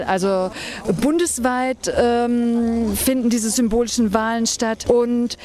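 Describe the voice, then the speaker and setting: A woman's voice: on the high side, a little mellow. A woman campaign organizer giving a street interview outdoors, explaining earnestly with frequent hesitant fillers. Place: outdoors in front of a theater. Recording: busy outdoor street crowd. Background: crowd chatter.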